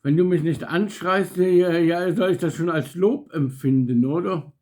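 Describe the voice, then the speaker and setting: A man's voice: fairly high pitch, a little slow, a little mellow. A man, the host's father, in a casual comedic chat, talking hesitantly and stumbling over phrases. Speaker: father of the host, co-host.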